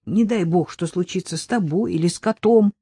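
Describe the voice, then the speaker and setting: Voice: mid-range voice, a little fast, mellow, breathy edge, dry recording, clean studio sound, lightly acted. An audiobook reader voicing an irritated husband who scolds his wife sarcastically during a quarrel. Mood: scolding. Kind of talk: audiobook character voice.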